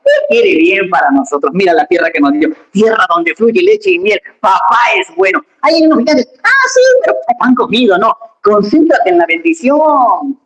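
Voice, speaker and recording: A pastor preaching a lively, emphatic sermon, speaking straight to the congregation in a church. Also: mid-range voice, normal speed. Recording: echoey church hall.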